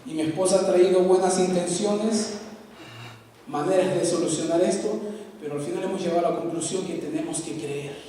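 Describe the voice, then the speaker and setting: A man from Peru, preaching a sermon, swinging between loud emphasis and soft asides. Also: high voice, fairly even intonation, fairly quick, slight background noise. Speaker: pastor. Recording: echoey hall, from far off.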